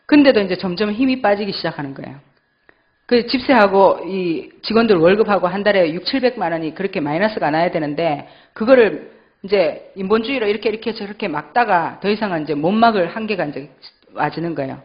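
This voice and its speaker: Middle-aged church elder, woman, Gyeongsang accent; lively, swinging delivery; emotional testimony; dull lo-fi recording. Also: medium pitch. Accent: Gyeongsang Korean. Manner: emotional storytelling, acting out her own past thoughts. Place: church sanctuary.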